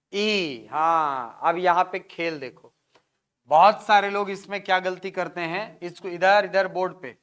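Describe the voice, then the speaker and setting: A man's voice: sits high, fairly bright tone, smooth. A male teacher giving a classroom lecture, sounding out syllables one by one at the board and often checking whether his students follow, with a Chhattisgarhi Hindi accent.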